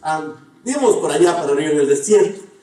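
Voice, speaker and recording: A man's voice: a little high, expressive, quick pace, mellow. A middle-aged man preaching a sermon, earnest, telling stories and asking the congregation questions. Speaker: pastor. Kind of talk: sermon with personal storytelling. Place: church sanctuary. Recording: echoey church hall from far off.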